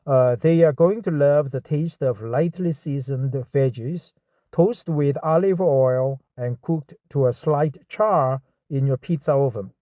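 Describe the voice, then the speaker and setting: A Korean man studying English reads a text aloud slowly with a Korean accent, pausing to comment and practice words over and over. His voice is medium-pitched and warm, with no room sound.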